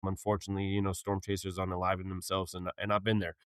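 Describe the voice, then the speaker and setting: A man's voice: sits low, completely flat delivery, fast, a bit bright, clean tone, no room sound, studio quality. A man being interviewed on a podcast, talking openly and earnestly in a casual, slangy way. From Arizona. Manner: open, earnest, vulnerable, uses slang like "dope" and "yo". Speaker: storm chaser guest.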